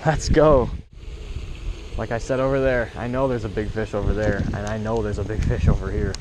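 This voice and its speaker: Excited young guy fishing by a pond. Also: lowish voice, normal speed, background noise. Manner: excited, slangy, talks to viewers as bro and dude. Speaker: fishing vlogger. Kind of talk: casual commentary while fishing. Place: outdoors by a suburban pond. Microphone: head-mounted action camera.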